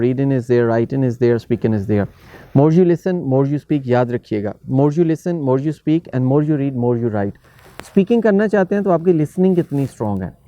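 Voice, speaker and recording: A man's voice: mid-range voice, dark tone, dry recording. A man from Pakistan, teaching spoken English in a casual lesson that mixes Urdu and English, listing points one by one with many fillers. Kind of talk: online language lesson. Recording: dull, muffled recording.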